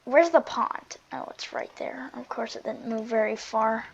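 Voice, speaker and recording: A woman giving casual, chatty gameplay commentary, often half to herself, her volume swinging between muttering and loud exclamation. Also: on the high side, unhurried, vocal fry, breathy edge. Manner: chatty running commentary, often talking to self. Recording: dull lo-fi microphone sound.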